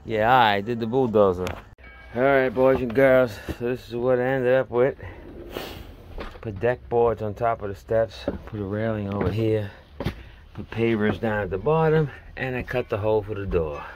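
Holding his phone camera outdoors, this middle-aged man rambles through a walkthrough of the house he's building, standing in a dug-out basement stairwell. He speaks in plain working-man terms, his fairly low, darkish voice moving at a moderate pace over a little hiss or hum.

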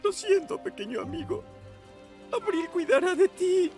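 A man's voice: very high voice, animated, unhurried, darkish tone, soft background music, exaggerated voice. A man voicing a sensitive young cartoon turtle, hurt and defiantly storming off. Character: young male turtle ninja, playful, sensitive, easily hurt. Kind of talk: animated cartoon dub acting.

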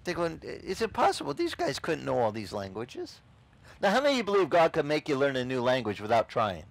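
A middle-aged man, whose first language is not English, preaches an animated and casual sermon outdoors on a beach, gesturing and acting out the voices he quotes. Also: mid-range voice, a little fast, vocal fry, poor audio. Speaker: pastor.

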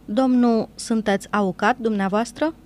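A woman's voice: fairly high pitch, steady tone, darkish tone, slight background noise, voice pushed up, natural voice. Woman voicing a furious broken-spoken boatman. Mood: puzzled. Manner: broken grammar, hot-tempered. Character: angry young foreign boatman, broken speech.

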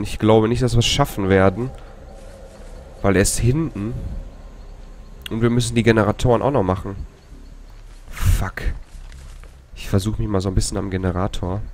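A man commentating his own horror game run, swearing often, switching from nervous muttering to panicky outbursts. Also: fairly low pitch. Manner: swears a lot, panicky outbursts and whispered hisses. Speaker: let's play gamer. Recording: gameplay with loud music.

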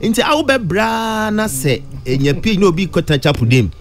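A middle-aged man with a Ghanaian accent speaks close to a studio mic. His voice swings widely in pitch, jumping high on questions as he switches between Twi and English. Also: sing-song, normal speed. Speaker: radio studio guest. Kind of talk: radio studio discussion. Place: radio studio. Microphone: studio mic close to mouth.

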